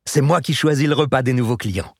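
A man voicing a hearty, teasing retired cook in his sixties, speaking up higher than his own voice in an audiobook. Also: fairly quick, creaky, a little mellow, husky, dry recording, studio quality. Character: retired older male cook, warm teasing friend.

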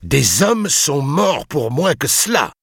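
A man's voice: a little high, big pitch swings, takes it slowly, vocal fry, a bit bright, husky, no echo, studio quality, voice pushed up, exaggerated voice. A man putting on a haughty, menacing young lord. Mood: furious. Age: 20s. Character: arrogant young male lord, hot-tempered, threatening. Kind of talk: audiobook character voice.

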